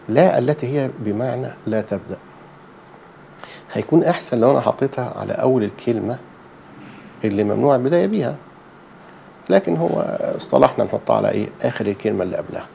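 A man's voice: lowish voice, creaky, mellow, a little hiss or hum. A middle-aged man with an Egyptian accent, teaching Quran recitation patiently step by step and posing rhetorical questions as he goes. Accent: Egyptian Arabic. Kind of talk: explanatory lesson.

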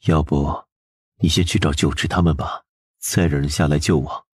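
A man acts out a wounded young nobleman from a historical romance drama, with an extremely low voice. He is terse and restrained, a little husky, and easily embarrassed. The sound is close and dry. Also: fairly even intonation, moderate pace, no echo. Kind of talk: audio drama dialogue over narrated webnovel.

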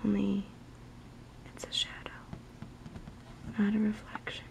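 A young woman giving a soft-spoken, whispered ASMR chat in a gentle, unhurried, soothing murmur. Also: medium pitch, monotone, vocal fry, poor audio. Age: young adult. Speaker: ASMR video maker.

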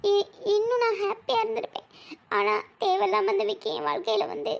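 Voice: sits high, fairly even intonation, a little fast, bright, forceful tone. A performer playing a tearful young bride in an amateur family drama skit, hesitant, apologetic and fearful.

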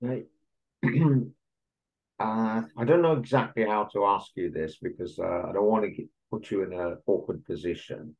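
A man's voice: fairly low pitch, normal speed, darkish tone. A man interviewing a football coach on a video call, asking careful, probing questions. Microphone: video call laptop mic. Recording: dull lo-fi video call audio.

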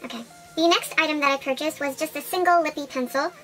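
A woman's voice: sits high, fast talker, fairly bright tone, soft background music. A young woman chatting as a beauty vlogger, bubbly and gushing, her talk full of "like" and "freaking". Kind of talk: casual chat.

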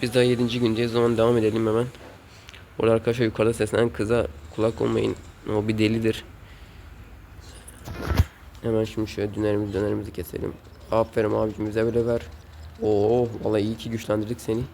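A man's voice: fairly low pitch, monotone, fast, vocal fry, pauses often, mellow, a little hiss or hum. A man hosting a gaming channel, giving casual gameplay commentary at home, rowdy and swearing often as he scolds the game's characters.

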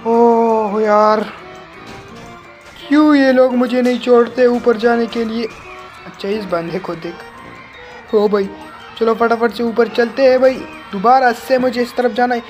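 A man giving excited let's-play commentary as a gaming channel host. He yelps, repeats words over and over, and keeps calling the viewer brother. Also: very high voice, unhurried, soft background music.

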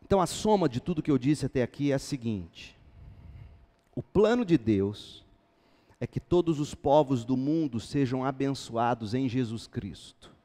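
A man preaching a sermon as pastor, reading scripture and building to loud, emphatic passages. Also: mid-range voice, animated, moderate pace. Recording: long hall reverb.

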